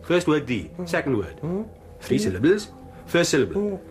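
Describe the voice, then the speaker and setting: An actor playing a naive, earnest young watch constable, eager and polite. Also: male voice, fairly high pitch, sing-song, normal speed. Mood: puzzling.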